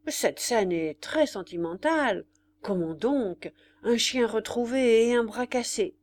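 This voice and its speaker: Woman doing a dry, ironic officer, deadpan jokes, slightly low. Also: measured pace, vocal fry, slightly rough, full character voice. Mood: sarcastic. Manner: mock-serious, mischievous. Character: joking, ironic male aide-de-camp officer.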